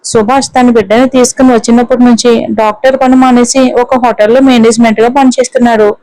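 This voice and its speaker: Female storyteller, higher voice, flat steady delivery, dry close sound. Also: fast, dry recording, rough recording. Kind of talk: scripted narration.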